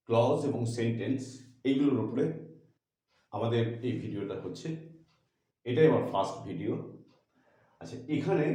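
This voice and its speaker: A man with a Bengali accent teaching English grammar in a slow, halting way, slowing further when he reads English definitions. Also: mid-range voice, dark tone. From India. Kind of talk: lesson. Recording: echoey room.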